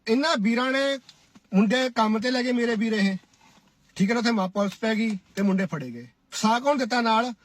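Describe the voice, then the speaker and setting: A man from India, a social media commentator in Cyprus, delivers a preachy, scolding duet commentary, frequently asking listeners "right?". He speaks a little fast in a very high voice.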